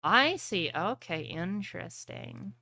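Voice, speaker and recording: With a fairly low, gravelly voice and a sharp tone, a woman game master speaks slowly but animatedly as she wraps up an online tabletop game. She chats informally with players and stream viewers, letting the odd swear word slip.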